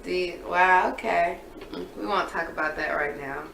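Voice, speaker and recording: A woman conducting a casual interview. She asks short, probing follow-up questions in a relaxed, gently teasing way. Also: fairly low pitch, moderate pace, creaky. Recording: echoey room with faint background noise.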